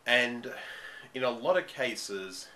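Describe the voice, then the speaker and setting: An Australian vlogger in his thirties, still recovering from a cold, rants emphatically at a webcam in a dim room at home, drawing out his stresses. The commentary monologue comes in a mid-range, expressive voice that sounds pushed and bright.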